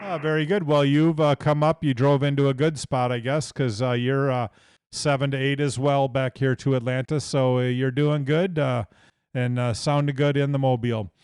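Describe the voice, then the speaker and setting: An American man works as an amateur radio operator, talking casually between calls. His mid-range voice is crisp and resonant, recorded close and dry. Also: medium pitch, fairly even intonation, normal speed, darkish tone, dry recording. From Iowa, United States. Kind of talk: casual ham radio exchange.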